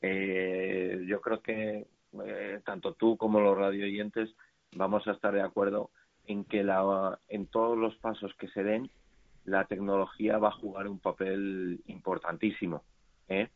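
A man's voice: lowish voice, level tone, a little slow. A man, an organizer of a startup event, being interviewed on radio by phone, hesitant with many fillers and restarts. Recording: tinny phone line into radio.

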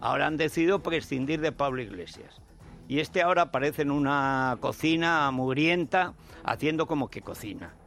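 Man, Spain Spanish accent, mocking combative commentary, fairly high voice, swooping lively pitch, soft music behind. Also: moderate pace, vocal fry. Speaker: political commentator. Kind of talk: opinion monologue.

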